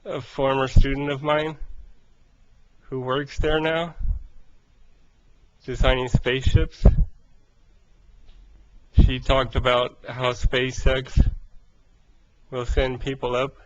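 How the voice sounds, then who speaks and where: A man records a casual video diary update in a slow, halting voice. He is short of breath and breaks sentences into small pieces, with very little melody. The sound is dull and lo-fi. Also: medium pitch, flat delivery. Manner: halting, speaking in short broken phrases. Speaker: vlogger.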